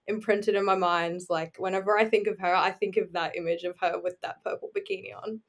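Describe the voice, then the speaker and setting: A bodybuilding competitor in her 20s, born in New Zealand and raised on Australia's Gold Coast, chats casually as a podcast guest and tells her own story. Her mid-range voice is fairly quick, with fairly even intonation.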